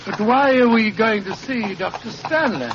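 A noisy, muffled vintage radio drama features a loyal British gentleman doctor. His voice sits high for a man, proper and blustery, with an earnest, genial turn. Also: animated, normal speed. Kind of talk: old-time radio drama acting.

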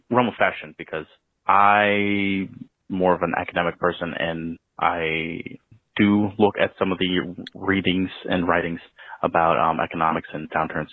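A man's voice: low voice, no room sound. A man leaving a voicemail for a show, rambling with many ums and uhs. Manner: rambling, lots of um and uh fillers. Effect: leaving a voicemail over the phone. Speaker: caller. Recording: tinny phone line voicemail.

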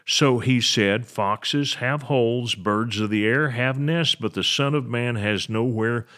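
An older man, a pastor, teaching a sermon and explaining Bible verses, slowing down to stress key words. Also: mid-range voice, fairly bright tone.

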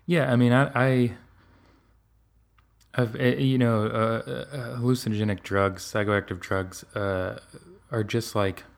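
A man's voice: mid-range voice, steady tone, unhurried, creaky. A man talking candidly in a casual conversation, rambling with fillers and restarts.

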